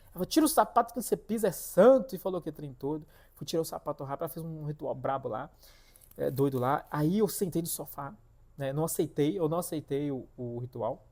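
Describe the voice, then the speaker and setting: A man tells a personal story in a casual, animated way. His voice sits slightly high but sounds warm and mellow. He repeats himself and keeps turning to his viewers. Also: fast. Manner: animated, repetitive, addresses viewers directly. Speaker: vlogger telling a personal testimony.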